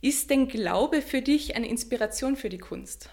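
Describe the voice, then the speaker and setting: A woman hosting a podcast, asking friendly, clearly phrased questions. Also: high voice, expressive, unhurried, darkish tone. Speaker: podcast host, editor. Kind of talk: interview podcast.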